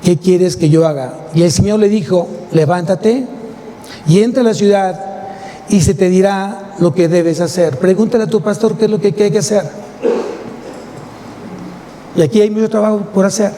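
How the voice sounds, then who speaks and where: Mexican male pastor, higher voice, mellow tone; emphatic sermon with rhetorical questions, long church reverb. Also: normal speed, long pauses. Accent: Mexican Spanish. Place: church sanctuary. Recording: long church hall reverb, faint noise.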